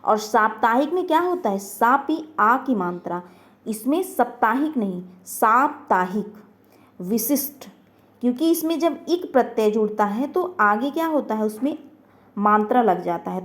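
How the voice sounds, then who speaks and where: A woman's voice: fairly high pitch, animated, moderate pace. A woman teaching an online grammar lesson, asking questions and answering them herself, repeating each word.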